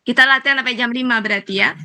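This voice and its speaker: A woman teaching a grammar class, guiding her students patiently and repeating phrases slowly. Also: fairly high pitch, over a noisy crowd.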